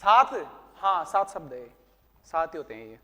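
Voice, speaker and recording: A man teaching a classroom lesson, his voice pitched fairly high. He teases his students and keeps asking questions before answering them himself. The room gives his voice a long, ringing reverb. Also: sing-song, moderate pace, fairly bright tone. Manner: teasing, talks to students by name. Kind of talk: classroom history lecture.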